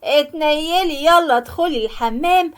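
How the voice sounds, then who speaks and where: A woman voicing a sharp-tongued young married daughter who scolds loudly, with an Egyptian accent, in an animated story. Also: high-pitched, moderate pace, natural voice. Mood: scolding. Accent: Egyptian Arabic. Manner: loud, harsh and scolding.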